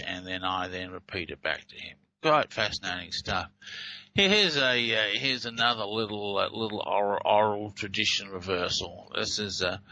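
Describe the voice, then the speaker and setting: A man's voice: on the low side, bright, forceful tone, rough recording. A man with an Australian accent hosting a talk show, explaining audio clips in a hesitant way with many fillers and restarts. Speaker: host.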